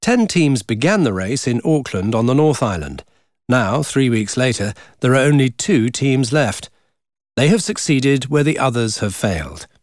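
A man narrating a scripted adventure race story in a dramatic, animated way. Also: mid-range voice, dry recording, clean studio sound.

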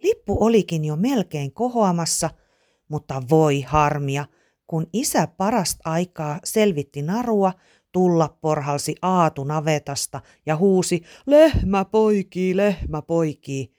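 A woman narrating a children's storybook aloud in an expressive, animated way. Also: low voice.

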